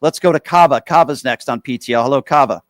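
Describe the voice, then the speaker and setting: A man hosting a call-in radio show, relaxed and chatty, quick to laugh at himself. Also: mid-range voice, no echo.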